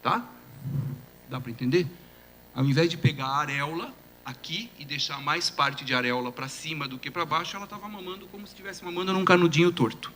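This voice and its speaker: A man with a Brazilian Portuguese accent, a pediatrician giving a conference lecture, telling animated stories and asking the audience rhetorical questions. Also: a little high, fairly quick, slight background noise.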